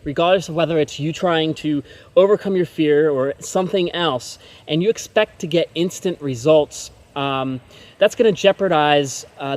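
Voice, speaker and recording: A man presents a motivational self-help lesson directly to his audience, his voice sitting a little higher than most men's. He talks in a loose, conversational way, tagging his points with "okay?" and quickening when he gets to the important parts. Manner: conversational, tags lines with "okay?", speeds up on key points.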